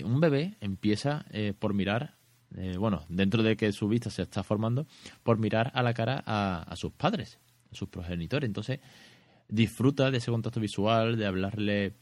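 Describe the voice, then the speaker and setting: Chatty low-voiced man giving parenting advice. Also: a little mellow, dry recording. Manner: chatty, self-correcting, lots of rhetorical questions. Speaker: podcast host, parent. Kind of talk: casual solo podcast advice.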